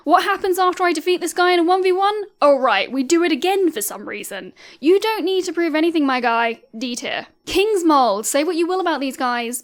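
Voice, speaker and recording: A woman hosting a video, giving scripted tier-ranking commentary in a playful, self-mocking, wry way. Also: sits high. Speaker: video host.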